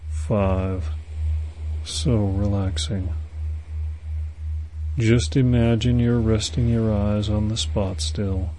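A man leads a hypnosis session in a slow, unhurried voice, giving calm, repetitive suggestions. His tone is mellow and on the low side. A faint hiss sits under the recording. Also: low-quality recording. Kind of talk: guided hypnosis induction.

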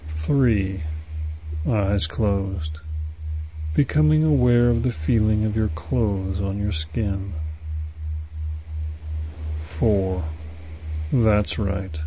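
A man guiding a hypnosis induction, speaking slow, soothing, repetitive suggestions. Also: fairly low pitch, warm tone, slight background noise, low-quality recording.

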